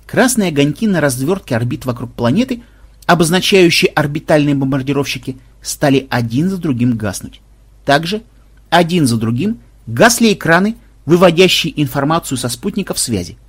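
Husky male audiobook narrator. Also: a little high, animated, moderate pace.

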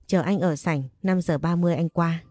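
A woman voicing a gentle young man who speaks to his fiancée and mother in a caring, reassuring way. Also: on the low side, steady tone, fairly quick, no room sound, soft background music, natural voice.

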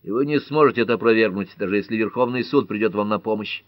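A man's voice: on the low side, fast talker, dry recording, muffled recording, natural voice. A male narrator voicing a guarded, stubborn amateur detective in an audiobook. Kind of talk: audiobook character voice.

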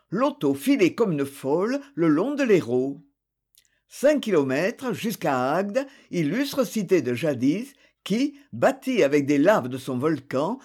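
Audiobook narrator, unhurried pace, lively pitch, measured literary reading. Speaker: audiobook reader.

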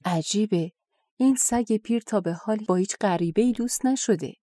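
A woman's voice: medium pitch, mellow, no echo, clean studio sound, lightly acted. A woman voicing a rude, greedy male palace gatekeeper who threatens and bargains. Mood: puzzled. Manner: threatening, blustering.

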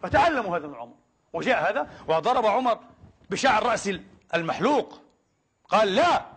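Fast, impassioned man preaching a sermon. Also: sits high, animated, a bit bright, breathy edge. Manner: impassioned, emphatic, asks many rhetorical questions.

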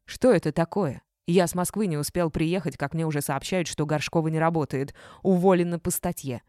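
A gruff middle-aged boss who barks blunt orders and growls his reproaches, as a woman reader voices him. The voice is dark and mellow, recorded close and dry. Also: deep voice, brisk, dry recording, close to an everyday voice. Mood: angry.

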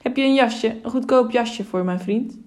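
A woman voicing an old man in a storybook reading who scolds and urges in a hushed, hurried way. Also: a little high, natural voice. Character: older man, a kindly meddling helper.

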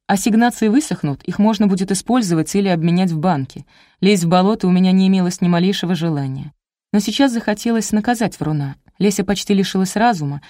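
A woman reading a first-person detective audiobook in a brisk, wry storytelling manner. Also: medium pitch, mellow, dry recording, studio quality. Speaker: audiobook narrator. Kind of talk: scripted first-person narration.

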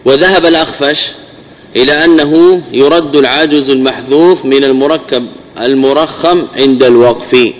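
Repeating examples and phrases, a sheikh gives a lesson in classical Arabic grammar, questioning and answering himself as he goes. He speaks at normal speed, his voice falling low at phrase endings, on a rough recording.

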